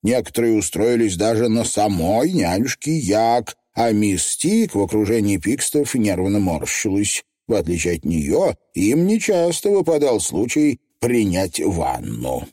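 A man reading an audiobook aloud with expressive storytelling. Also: fairly low pitch, unhurried, hardly any pauses, husky, no echo, clean studio sound. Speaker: audiobook reader. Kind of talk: scripted audiobook narration.

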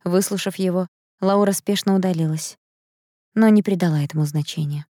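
Low-voiced woman narrating a story. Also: brisk, warm tone, dry recording, studio quality. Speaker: audiobook narrator. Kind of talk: scripted first-person narration.

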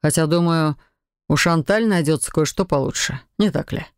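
Brief: reader doing a young male battle mage, calm, firm, slow, smooth clear sound. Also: fairly high pitch, no room sound, studio quality, lightly acted. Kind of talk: audiobook character reading.

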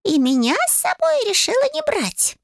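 A woman's voice: very high-pitched, wildly swooping pitch, moderate pace, vocal fry, no echo, studio quality, voice pushed up, full character voice. A woman voicing a sarcastic female owl familiar in an audiobook, mocking and indignant.

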